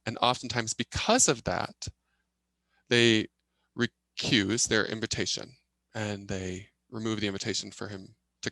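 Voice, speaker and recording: A man voices a signed presentation as a simultaneous interpreter. His voice is bright and forceful at a medium pitch, and his phrasing comes in short, halting bursts. The sound is close and dry. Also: no echo, poor audio. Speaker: sign language interpreter voicing a deaf presenter.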